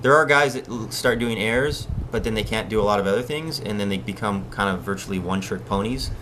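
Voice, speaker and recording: A man from Hawaii hosts a casual surf live stream, chatting and answering viewers' questions in a relaxed way. His voice sits low. A faint outdoor ambience runs under it. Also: fairly quick, a little hiss or hum.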